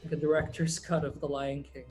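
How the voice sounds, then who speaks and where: A laid-back filmmaker guest gives casual interview answers in a slightly high voice, brisk, with soft music in the background. He is relaxed and rambling, with many ums and uhs.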